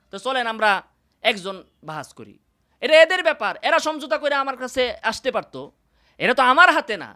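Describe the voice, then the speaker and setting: Man, bright sharp voice, mocking, heated monologue, indoors. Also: very high voice. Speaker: religious speaker. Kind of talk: combative monologue. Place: indoors in a room.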